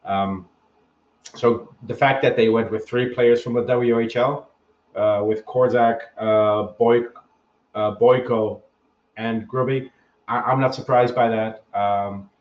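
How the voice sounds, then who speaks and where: A man's voice: medium pitch, fairly even intonation, slow pace. A man giving his opinions in a casual podcast chat, often hesitating with ums and restarting his sentences. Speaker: guest analyst. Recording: echoey, dull lo-fi remote audio.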